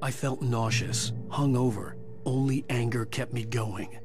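Man acting a grim, hard-boiled writer, middling pitch. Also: steady tone, unhurried, darkish tone, soft background music, lightly acted. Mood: grim, weary. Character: grim, driven male writer narrating his ordeal. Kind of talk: scripted game narration.

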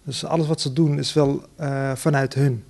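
A man, a theater director, answering interview questions earnestly with many pauses and fillers. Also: medium pitch, fairly even intonation, vocal fry, darkish tone.

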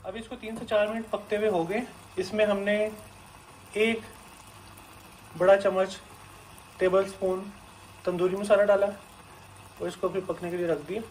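A man's voice: high voice, level tone, a little slow, long pauses, darkish tone, slight background noise, low-quality recording. A man talking through a home cooking recipe step by step. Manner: plain step-by-step explaining. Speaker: cooking channel host. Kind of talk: cooking tutorial voice-over.

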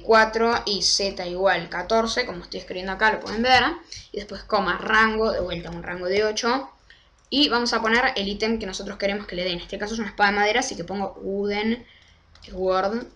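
A young woman, casually walking through a game tutorial step by step and slowing down to spell out commands. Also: mid-range voice, fairly bright tone. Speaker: Minecraft tutorial creator. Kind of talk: casual screen-recorded tutorial.

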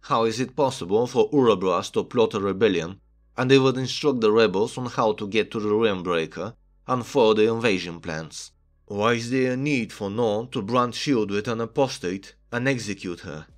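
A man's voice: on the low side, moderate pace. A man narrating a video essay, making his analytical case and reading story excerpts aloud. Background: background music.

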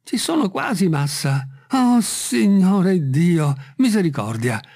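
A man's voice: high-pitched, very animated, normal speed, gravelly, a little mellow, voice pushed up, full character voice. A man voicing an old, simple, fearful male servant in an audiobook reading, with an eager, pleading manner.

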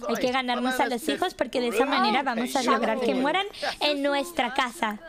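Mexican woman, high pitched, teasing and exclamatory, gameplay commentary, crowd noise behind. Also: fairly even intonation, a little fast. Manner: playful, teasing, bursts of sudden exclamations. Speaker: streamer playing a life-sim game.

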